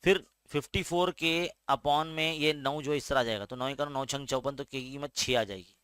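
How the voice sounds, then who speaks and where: A man's voice: medium pitch, fairly even intonation, moderate pace, a bit bright, clear, resonant tone, dry recording, studio quality. A man teaching a school maths lesson step by step with an Indian Urdu-medium accent, patiently checking in with his students as he goes. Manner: explains patiently, often asks "है ना?".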